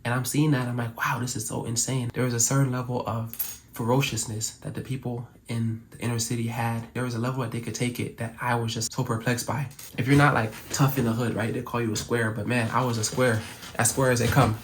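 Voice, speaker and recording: A man's voice: mid-range voice, level tone, brisk, slight background noise. A young man from Cameroon whose first language is French, talking earnestly to camera in a casual, reflective way. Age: young adult. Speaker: YouTuber.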